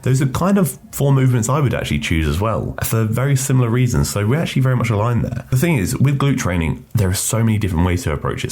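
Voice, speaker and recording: A man coaching and reacting to a workout video in quick, chatty, joking commentary while under the weather. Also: deep voice, a little mellow. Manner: quick, chatty, jokey explaining. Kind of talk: casual commentary.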